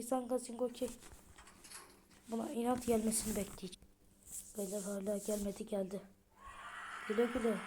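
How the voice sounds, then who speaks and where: A woman, commentating a horror game as she plays, muttering to herself with sudden loud outbursts. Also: a little high, a little hiss or hum. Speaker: gaming streamer. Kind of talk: let's play commentary.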